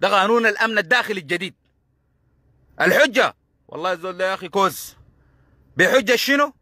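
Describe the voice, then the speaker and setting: A man's voice: high-pitched, fast, bright, forceful tone, no echo, studio quality. A man with a Sudanese Arabic accent giving a heated political commentary monologue, combative and sarcastic, hammering points by repeating them.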